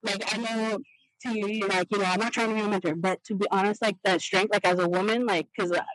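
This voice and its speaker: A woman hosting a casual podcast chat, talking in a halting, rambling way full of "like" fillers. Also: medium pitch, steady tone, a bit bright, slight background noise, rough recording. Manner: halting, heavy use of "like" fillers. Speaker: podcast host.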